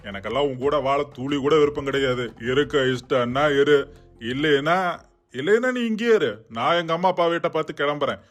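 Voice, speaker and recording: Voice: mid-range voice, a little fast, soft background music, lightly acted. A performer voicing a brash, bullying young husband in an amateur doll serial, blustering, threatening and taunting. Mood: dismissive.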